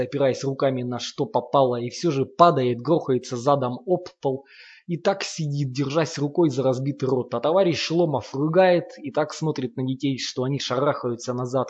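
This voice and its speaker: A man narrating a horror novel in a grim, steady storytelling manner, in a muffled lo-fi recording. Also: mid-range voice, husky. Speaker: audiobook narrator.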